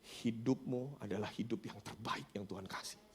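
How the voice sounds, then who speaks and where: A man's voice: on the low side, moderate pace. A man preaching a sermon, telling a story and acting out its dialogue while he keeps addressing the congregation. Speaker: pastor. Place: church sanctuary.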